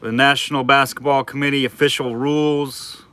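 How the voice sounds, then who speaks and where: A man hosting a live online auction, chatting casually with viewers between quick bid calls. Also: mid-range voice, little pitch movement, fairly bright tone, clean tone. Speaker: livestream auctioneer.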